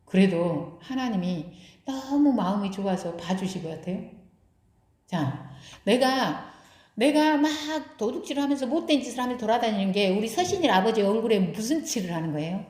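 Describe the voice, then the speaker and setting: Lively woman preaching in an echoey room. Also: medium pitch, normal speed. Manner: lively preaching with many rhetorical questions to the congregation. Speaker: pastor. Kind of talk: sermon.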